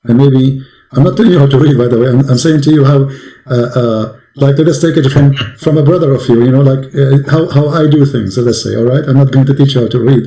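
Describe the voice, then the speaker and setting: A male preacher with a gravelly, dark, mellow voice pleads with a caller. He asks question after question and speaks English with non-native grammar. His voice rings in a roomy, echoing space. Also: medium pitch, fast.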